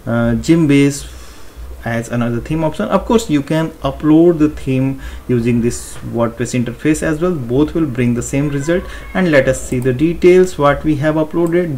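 Man, tutorial narration, step-by-step, mid-pitched, faint background hiss. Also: a little mellow. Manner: explanatory, step-by-step, repetitive phrasing. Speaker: WordPress tutorial presenter. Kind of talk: screen-recorded tutorial walkthrough.

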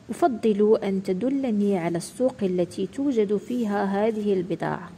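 A woman voicing a hungry, greedy male wolf in a children's storybook, excited and boastful. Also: mid-range voice, big-room sound, slight background noise, close to an everyday voice.

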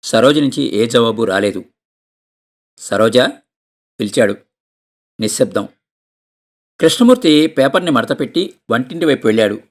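A man from Andhra Pradesh, India, reading a short story aloud in a measured, calm way. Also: medium pitch.

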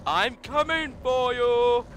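A young man commenting on his own racing game play, swearing and shouting at his opponents, his voice worn from yelling. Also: extremely high pitch, slow, a little hiss or hum. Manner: frustrated, swears and yells at opponents. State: voice strained. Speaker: let's play gamer. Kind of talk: gameplay commentary.

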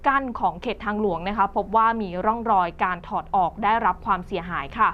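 A woman's voice: medium pitch, a little fast. A woman presenting the news in a conversational reading style, with frequent polite particles. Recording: slightly dull recording with faint music behind.

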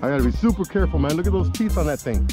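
A young man giving excited running commentary while fishing from a kayak outdoors, recorded on an action camera. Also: a little high, very fast. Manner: excitable, exclaiming, talks to viewers. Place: kayak on open shallow water outdoors. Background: music.

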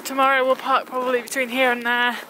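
A woman casually chatting through a travel vlog, excitable and feeling the cold. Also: high voice, quick pace, slight background noise, low-quality recording. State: cold, freezing. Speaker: vlogger.

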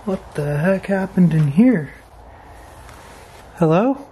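A man hosting an exploring vlog, walking through an abandoned farmhouse and reacting with excited, wondering remarks into his camera mic. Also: high voice, slow, slight background noise. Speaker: urban explorer host. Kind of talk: walkthrough vlog narration. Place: abandoned stone farmhouse, indoors.

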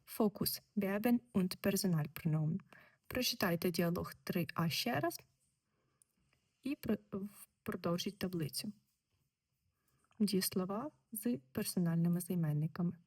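A woman teaching German, explaining textbook exercises slowly and repeating each word. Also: lowish voice, a little mellow. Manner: slow, deliberate, repeats words.

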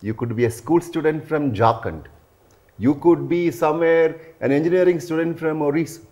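Warm-toned and on the high side, a man speaks at normal speed while hosting a promotional interview in his role as an aerospace and defense journalist. He comes across as earnest, sprinkling in "you know" often, and the recording was made indoors in a living room.

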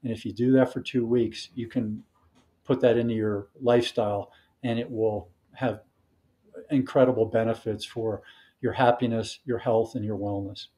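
A man speaking as a wellness coach and podcast guest, giving advice in a measured way and listing points one by one. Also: mid-range voice, fairly even intonation, dark tone.

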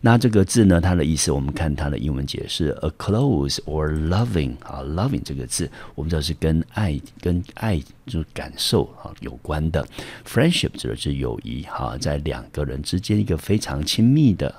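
A man's voice: extremely low pitch, lively intonation, normal speed, darkish tone, husky. A man teaching English vocabulary in Mandarin with a Taiwanese accent, explaining step by step with many fillers. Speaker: high school English teacher. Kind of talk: vocabulary lesson.

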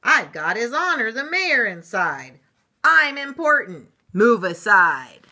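A woman's voice: low-pitched, lively intonation, a little slow, bright, forceful tone, slightly rough, exaggerated voice. A woman voicing a self-important, bossy male limousine in a children's picture book, puffed with pride. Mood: pompous. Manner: pompous, bossy.

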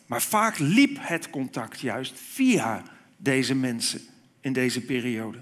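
A man preaching a sermon, speaking deliberately and lifting his voice on key words. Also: medium pitch, animated, fairly bright tone. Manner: slow, deliberate, with emphatic rises on key words.

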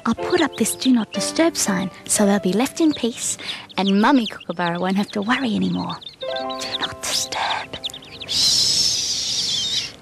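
A woman's voice: mid-range voice, fairly quick, creaky, over music. An Australian woman presenting a children's TV show, talking in a playful, wondering way as she searches for a bird. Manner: animated and wondering, talks to an unseen bird.

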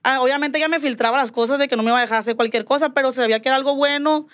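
A woman's voice: high voice, racing, dry recording, studio quality. A woman telling a personal story as a podcast guest, in a chatty way that acts out quoted dialogue. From Mexico. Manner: animated, acts out quoted dialogue, repeats "me dijo". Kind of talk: casual storytelling chat.

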